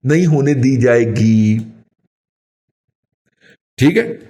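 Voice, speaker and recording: A man with a Pakistani Urdu accent, co-hosting a talk show and giving rambling, animated commentary. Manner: animated, rambling, pitch jumps when emphatic. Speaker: co-host, elder commentator.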